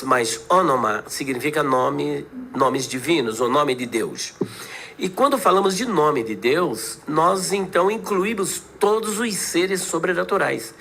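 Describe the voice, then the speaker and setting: A man's voice: on the high side, pushed and bright, slight background noise. A man, a guest pastor on a podcast debate, explaining word origins step by step in a teaching manner.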